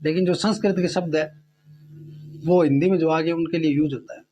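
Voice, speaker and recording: A man with a slightly raised voice teaching Hindi grammar for competitive exams. He explains each point step by step, slows down to sound out letters, and keeps checking in with his class. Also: on the high side, fairly even intonation, mellow. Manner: repeats sounds slowly to demonstrate them. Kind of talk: exam-prep lesson.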